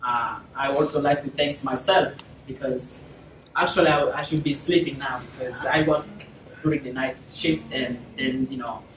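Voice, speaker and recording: A man's voice: mid-range voice, fairly even intonation, normal speed, a little hiss or hum. South Sudanese man speaking to a class. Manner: formal, warm thanks, many fillers and "my dear friends". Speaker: guest speaker. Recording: echoey classroom, from far off.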